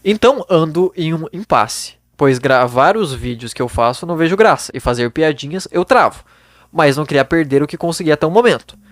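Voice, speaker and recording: A man's voice: on the high side, lively intonation, brisk, dry recording. A young man hosting a podcast from his bedroom, giving blunt, casual advice into a microphone and swearing freely. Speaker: podcast host.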